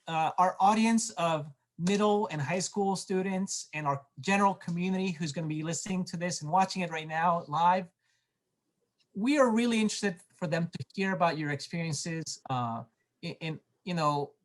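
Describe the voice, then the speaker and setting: A man's voice: high voice, moderate pace. A man from Peru hosting an interview over a video call, speaking with enthusiasm and stumbling through restarts. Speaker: host, moderator. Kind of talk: hosted interview.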